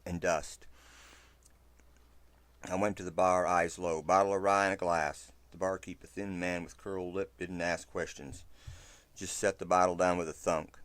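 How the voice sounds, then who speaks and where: A man reading a first-person western story aloud, in a steady, low narration. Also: no room sound.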